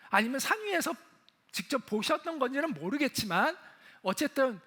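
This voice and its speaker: A man's voice: high voice, bright, forceful tone. A middle-aged male pastor preaching a sermon, telling the story with animation and acting out the quoted lines.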